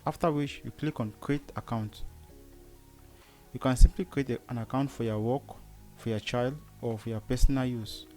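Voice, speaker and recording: This tutorial narration comes from a man with a Cameroonian accent whose mid-range voice has a dark, steady tone and a moderate pace. He guides viewers step by step on screen, tossing out rhetorical questions and answering each one, while faint music runs behind.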